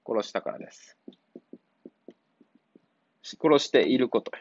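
A man's voice: medium pitch, expressive, takes it slowly, a little mellow, dry recording. A man, a cram school teacher going through answers to a literature exercise in a casual, blunt way with teasing asides. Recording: dull lo-fi sound.

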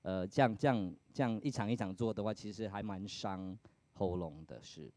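A man, chatting casually and softly about his early acting jobs, his phrases trailing off. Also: on the low side, normal speed, dry recording. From Singapore. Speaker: musical theatre actor. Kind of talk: casual chat.

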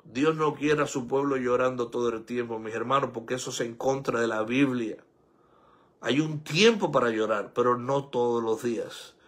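Husky older male pastor preaching. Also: moderate pace, a bit bright. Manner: exhorting, rising to high emphatic peaks. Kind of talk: sermon. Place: church sanctuary.

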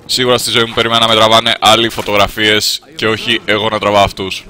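A man from Greece giving jokey, sarcastic running commentary as he plays a game, jumping to high squeals when startled. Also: completely flat delivery, sharp tone. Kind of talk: comedic gameplay commentary in character.

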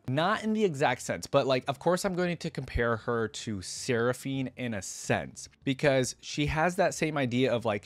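A young adult man hosts a reaction video, reading lore aloud and tossing in casual, chatty commentary. He speaks at medium pitch into a close desktop microphone, and the recording is dry.

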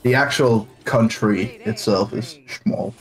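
On a low-quality recording, a Danish man chats over voice chat while playing a card game as a streamer with his duo partner. His voice is lowish and slow, and his casual gaming talk is sarcastic and self-mocking.

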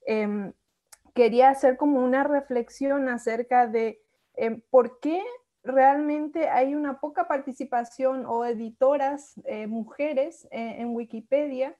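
Young woman from Latin America, higher voice, earnest rhetorical questioner on a video call. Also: a little slow, warm tone, highs cut off. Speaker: workshop participant. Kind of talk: spontaneous reflective remarks. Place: small room at home. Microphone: earphone mic on a video call.

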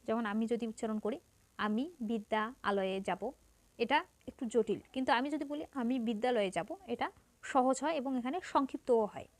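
A woman's voice: a little high, brisk, no room sound. A woman teaching a grammar lesson to students, patiently explaining each point and repeating it.

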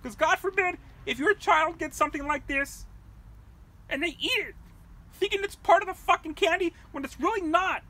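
Comedic vlog rant: a woman as a cursing, rambling puppet-world mother, shrill and sharp. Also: moderate pace. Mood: furious. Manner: profane, shouting, rambling. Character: foul-mouthed furious puppet-world mother.

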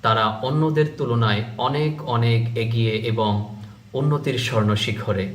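Man slowly drilling English spelling. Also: mid-range voice. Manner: spells out letters then sounds each syllable, slow and deliberate. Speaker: English teacher. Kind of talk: slow spelling drill lesson.

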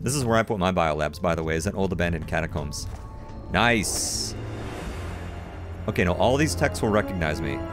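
Lively, lowish-voiced man narrating gameplay. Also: moderate pace, long pauses. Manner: chatty, self-mocking asides while playing. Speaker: gaming video host. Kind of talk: let's play commentary. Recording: commentary over game audio with music.

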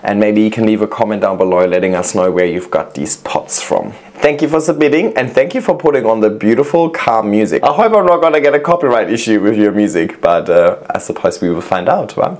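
A man hosting a casual reaction video, chatting warmly and reading viewers' messages aloud as he gushes over their plants. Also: lowish voice, animated, brisk, few pauses.

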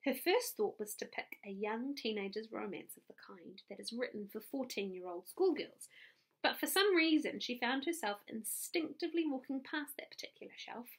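A woman's voice: a little high, expressive, moderate pace. A woman with a New Zealand accent reading a chapter book aloud to children as their teacher, friendly and stopping for little asides.

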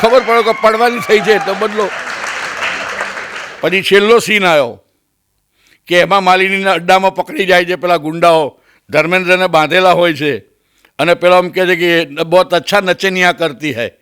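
A man's voice: moderate pace, long pauses, smooth, some chatter behind. A Gujarati-accented male comedian telling a funny story and acting out its characters. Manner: animated, acts out characters with raised pitch. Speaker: stand-up comedian. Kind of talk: comic storytelling. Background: audience laughter.

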